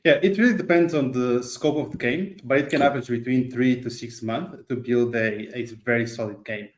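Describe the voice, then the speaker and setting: A man giving a conversational company pitch as an interview guest, explanatory, with non-native English phrasing and filler words. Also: brisk, roomy sound. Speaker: game studio CEO, interview guest.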